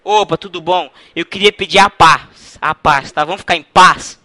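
A man's voice: a little high, normal speed, bright, forceful tone, no echo. A man making a prank phone call, teasing the person on the line in a playful, mock-innocent way. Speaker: prank caller.

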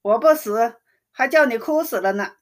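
A woman voicing a proud sharp-tongued noblewoman. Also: a little high, animated, normal speed, close to an everyday voice. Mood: resigned. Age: 20s.

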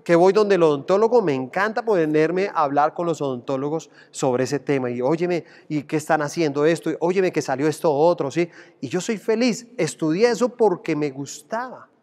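A man's voice: on the high side, darkish tone, in a large hall. A man preaching a sermon as pastor, addressing listeners directly and acting out quoted voices.

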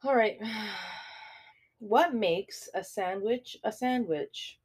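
A woman's voice: mid-range voice, animated, slow pace, a little mellow, breathy edge. Young woman, reads questions aloud, casual chat, dry teasing. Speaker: co-host reading questions.

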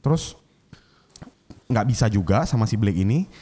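A man in casual conversation, telling a lively story about his work as a chef and mixing English phrases into his speech. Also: on the low side, moderate pace, slight background noise. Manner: animated, mixes English into speech. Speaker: chef guest.

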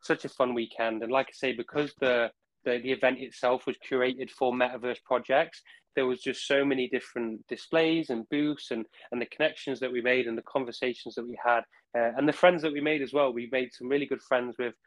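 A man's voice: mid-range voice, fairly even intonation, fairly quick, no room sound, rough recording. Male guest, casual and rambling, repeats himself while finding words, dry sound. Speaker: podcast guest, project representative. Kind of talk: casual conversational recounting.

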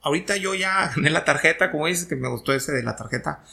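Man, host, gravelly fry, bright tone, explains with simple examples, checks he is understood. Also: on the high side, fast talker. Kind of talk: conversational teaching.

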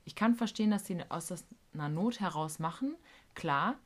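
Lebhaft erzählende Frau mit tiefer Stimme. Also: female voice, on the low side, normal speed. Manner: animated storytelling, acting out quotes, slangy. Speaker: podcast co-host, care worker. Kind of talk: casual podcast chat.

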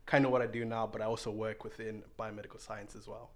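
A man's voice: on the low side, little pitch movement, quick pace. Laid-back joking young man from Zimbabwe. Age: young adult. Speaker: podcast guest, pastor. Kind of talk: casual podcast chat.

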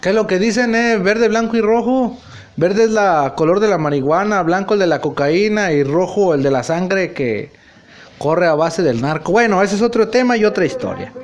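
A man's voice: high-pitched, lively intonation, normal speed. A man, hosting a podcast and telling rambling stories full of crude slang. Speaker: podcast host. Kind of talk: casual storytelling monologue.

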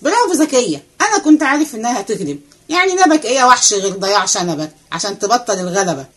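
Woman putting on a cheeky Egyptian servant boy. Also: fairly high pitch. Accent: Egyptian Arabic. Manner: excited rapid chatter, running commentary. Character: cheeky young male servant boy, restless.

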